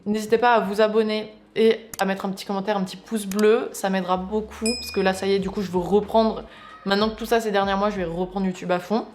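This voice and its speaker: A woman's voice: medium pitch, level tone, quick pace, a little mellow. A young woman vlogging at home, talking casually and candidly in slangy speech, openly irritated. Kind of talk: casual confessional vlog.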